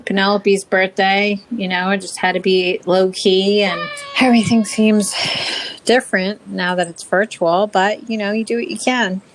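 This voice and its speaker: A woman's voice: mid-range voice, flat delivery, moderate pace, poor audio. Teasing woman podcast host. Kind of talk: casual chat.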